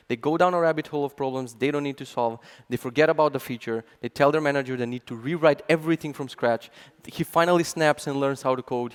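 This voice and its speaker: A man giving a conference talk, sarcastic and animated, acting out mock quotes as he tells stories. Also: mid-range voice, big-room sound. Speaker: conference speaker. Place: large conference hall.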